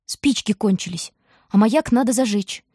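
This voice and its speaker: A woman's voice: mid-range voice, moderate pace, dark tone, breathy edge, no echo, studio quality, natural voice. A woman voicing a brave, stubborn young girl in an audiobook, urgent and determined. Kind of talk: audiobook reading.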